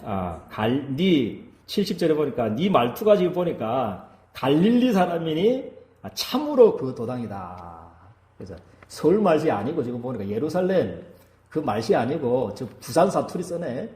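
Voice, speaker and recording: A man's voice: a little high, big pitch swings, normal speed, dark tone, roomy sound. A male pastor preaching a sermon in a church, who keeps asking the congregation to agree with him.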